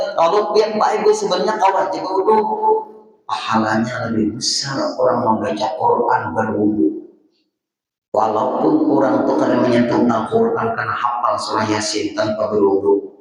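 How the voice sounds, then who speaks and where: A religious teacher with a Banjarese accent gives a dawn study talk to a congregation, firing rhetorical questions at his listeners. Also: mid-range voice. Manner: fires rhetorical questions at the audience. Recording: echoey hall, distant mic.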